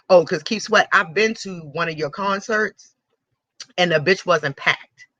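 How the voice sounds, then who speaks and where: Heated, profane radio host ranting. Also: male voice, a little high, sharp tone, dry recording. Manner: blunt, profane and heated, with repeated phrases. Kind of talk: ranting celebrity commentary. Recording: dull lo-fi recording.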